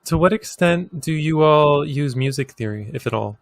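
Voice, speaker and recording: A man hosting a casual interview, asking relaxed, curious questions. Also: on the high side, moderate pace.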